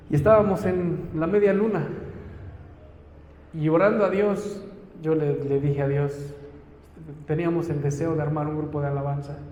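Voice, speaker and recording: A Mexican pastor preaches to his congregation in an earnest, storytelling way, taking on the voices in his tale. His voice is mellow and a little high for a man. He is heard in a roomy church hall with a long reverb and a faint hum behind him. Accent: Mexican Spanish. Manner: earnest storytelling, acts out dialogue. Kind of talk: sermon with personal testimony.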